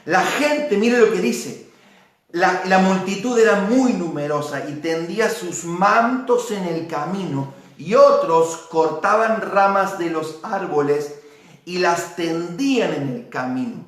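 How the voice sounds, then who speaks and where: A man preaching a sermon as pastor, lively and dramatic, acting out the shouts of a crowd. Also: sits high, slow pace. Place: church. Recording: very echoey church hall, mic far off.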